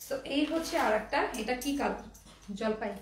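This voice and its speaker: A woman's voice: a little high, normal speed, a little hiss or hum. A young woman from Bangladesh showing dresses for sale at home, chatty and a little out of breath, mixing English words into her talk. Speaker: online clothing seller. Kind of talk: casual live product showcase. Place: room at home. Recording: echoey room, somewhat far from mic.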